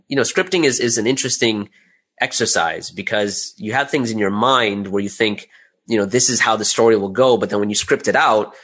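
A lowish male voice with a fairly bright tone. The speaker, a creator interviewed as a guest, describes his process stage by stage in a relaxed, conversational way, asking rhetorical questions as he goes.

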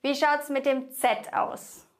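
A young woman teaching Spanish pronunciation in German, slowly and carefully, repeating each example word for the listener to echo. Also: high voice, flat delivery. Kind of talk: online language lesson.

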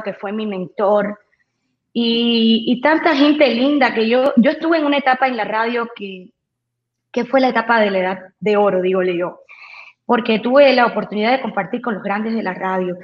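A woman radio announcer telling her story in a conversational interview, lively and animated. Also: on the high side, highs cut off. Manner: lively storyteller who mimics others' voices when quoting.

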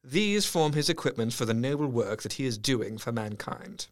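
An actor playing an earnest young doctor, reading letters and diary entries in a measured way. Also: male voice, medium pitch, animated, natural voice.

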